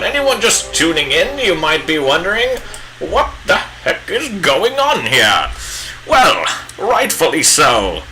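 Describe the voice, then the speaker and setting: A man's voice: fairly high pitch, sharp tone, full character voice, poor audio. A man playing a pompous bearded old wizard with a put-on British accent, hamming it up while he paints live. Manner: hammy, drawn-out theatrical wizard speech.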